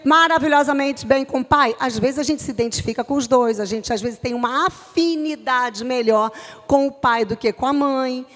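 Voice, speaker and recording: A middle-aged woman from Brazil with a Rio de Janeiro accent, preaching to a youth group with forceful, emphatic delivery. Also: high voice, moderate pace, big-room sound, faint music behind. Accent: Rio de Janeiro Portuguese. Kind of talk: youth church sermon.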